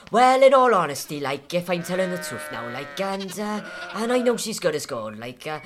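A woman's voice: on the low side, sing-song, moderate pace, noisy background. A woman voicing a simple, long-winded male farmhand who rambles hesitantly through endless fillers.

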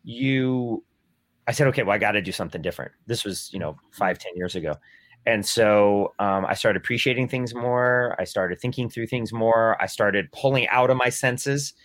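A man's voice: lowish voice, normal speed, fairly bright tone, no room sound. A man in his forties, talking in a casual discussion with rambling, self-deprecating speech and frequent restarts.

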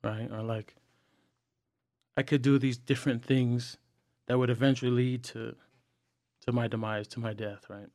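Young man, podcast guest, earnest and halting, dry close mic. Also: medium pitch, level tone, darkish tone, no room sound. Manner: earnest, halting with frequent fillers and restarts. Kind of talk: candid personal sharing.

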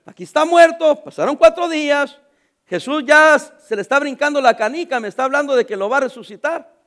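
High-voiced pastor preaching. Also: male voice, lively intonation, brisk. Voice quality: preaching voice that swings from loud to quiet, jokes with the congregation. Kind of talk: sermon. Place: church.

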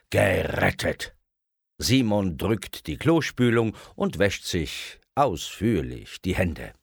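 A man reading a children's story aloud in an expressive storyteller style. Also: a bass voice, gravelly, slightly rough, no echo, clean studio sound. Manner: expressive, acts out voices.

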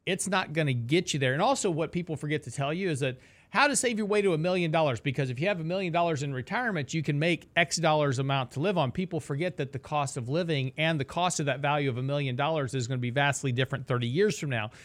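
A man's voice: a little high, fast, fairly bright tone. A middle-aged man hosting a casual financial talk show, explaining with rhetorical questions and asides. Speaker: radio show host.

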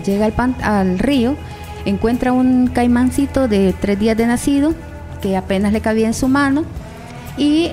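Mellow Salvadoran Spanish woman, halting delivery. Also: mid-range voice. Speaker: library guest recommending a book. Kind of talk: informal spoken book summary.

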